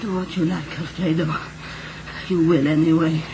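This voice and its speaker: A woman's voice: sits low, steady tone, normal speed, dark tone. An actress playing a bitter, worn-out young wife and mother in a 1980s radio drama, scornful and close to tears. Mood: resigned. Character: weary, bitter Italian-Scots wife and mother. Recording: noisy broadcast radio recording.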